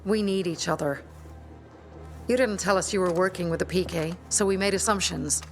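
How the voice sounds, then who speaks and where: Playing a hardened, bitter young female rebel leader in video game dialogue, an actress delivers firm, earnest, persuasive lines with light acting. She has a lowish voice at a moderate pace, and soft music plays in the background.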